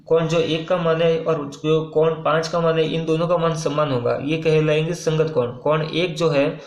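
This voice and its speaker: A man teaching a maths lesson in a casual, step-by-step way, often asking and answering his own questions and pausing with "uh.". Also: on the high side, flat delivery, echoey room, rough recording. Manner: casual, with frequent "uh" pauses and repeated phrases.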